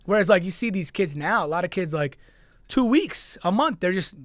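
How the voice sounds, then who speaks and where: A man's voice: high voice, expressive, normal speed, fairly bright tone, no echo. Chatty young man, dry studio sound. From Queens, New York. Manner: loose and chatty, lots of "like" and "you know". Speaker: podcast guest, content creator. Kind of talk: casual interview chat. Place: podcast studio.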